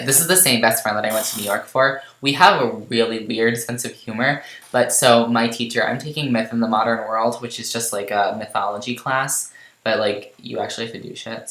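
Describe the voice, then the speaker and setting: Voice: mid-range voice, a bit bright. Rambling teen vlogger in a roomy echo. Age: late teens. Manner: rambling, filler-heavy, self-deprecating. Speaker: game vlogger. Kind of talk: casual rambling chat over gameplay.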